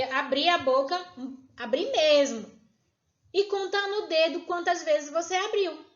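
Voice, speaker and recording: A woman teacher talks through a recorded lesson in a high, clear voice. She is patient and keeps checking in with her pupils, and she stretches out each syllable as she sounds it. The room rings with echo, and the sound is a little dull and lo-fi. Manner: patient, checks in with tag questions, slows down on syllables.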